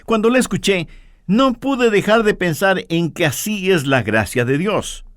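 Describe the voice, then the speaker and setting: Preacher guy telling a story in a sermon, lively melodic voice, dry studio sound. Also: high voice, unhurried, no echo. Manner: expressive, earnest storyteller.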